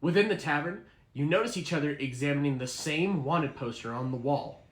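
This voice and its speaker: A man's voice: on the high side, fairly quick, lightly acted. A man playing a game master running a tabletop session in a comedy skit. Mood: narrating.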